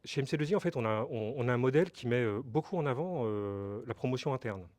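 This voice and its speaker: A middle-aged man from Brittany, France, who is a company director, fields interview questions in an expressive, medium-pitched voice with a darkish tone and a quick pace. He explains hesitantly, using lots of fillers and repeated words.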